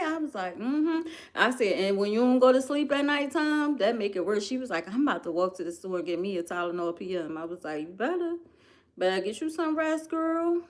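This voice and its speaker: Woman, Philadelphia accent, casual vlog chat, animated, emphatic, mid-pitched voice. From United States. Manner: animated, emphatic, repeats herself for effect. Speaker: vlogger.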